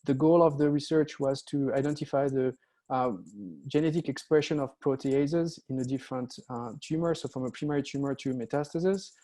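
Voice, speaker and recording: A man's voice: mid-range voice, steady tone, a little fast, dark tone. French-accented man lecturing, full of "uh"s. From France. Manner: hesitant, many "uh" fillers. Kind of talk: webinar lecture. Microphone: computer mic on a video call.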